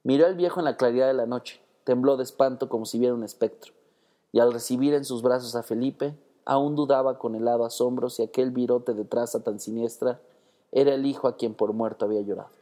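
A man narrating a storybook chapter in a measured, storytelling manner. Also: medium pitch, steady tone, mellow. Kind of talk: story reading.

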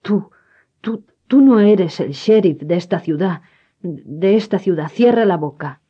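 A reader doing a jumpy young man who always sounds guilty, stumbling over his words and lashing out with insults. The voice sits a little higher and pushier than the storyteller's own, and the recording sounds dull and lo-fi. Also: moderate pace, warm tone, close to an everyday voice. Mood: nervous, defensive. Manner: stammering, defensive, insulting. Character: jittery guilty young man, quick-tempered.

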